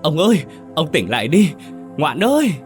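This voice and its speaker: A man's voice: on the high side, big pitch swings, normal speed, faint music behind, pitched above the performer's own voice. A man voicing a frantic older village wife in an audio horror story, crying out and calling for help. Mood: panicked.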